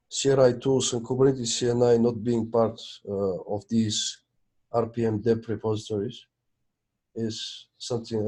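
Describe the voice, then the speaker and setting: A man with a warm, lowish voice speaks casually on a video call during a technical meeting. A project maintainer, he thinks aloud while checking documents.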